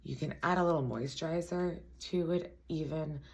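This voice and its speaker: Raspy, very low-voiced woman giving makeup tutorial. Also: moderate pace, a little mellow. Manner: chatty, self-deprecating asides.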